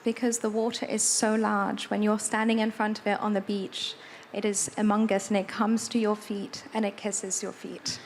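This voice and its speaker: Lady relaying a panelist's words in english, monotone, a bit of noise. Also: mid-range voice, normal speed. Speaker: moderator and interpreter. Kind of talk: live interpretation on a panel. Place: large hall at an event.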